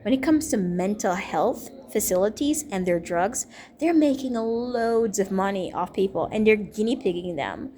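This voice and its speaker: A woman's voice: medium pitch, expressive, normal speed, mellow, a little hiss or hum. A woman in her thirties from Jamaica, a teacher and minister, talking in a rambling personal monologue. She speaks emphatically and repeats herself. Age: 30s. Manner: emphatic, repetitive, stream-of-consciousness.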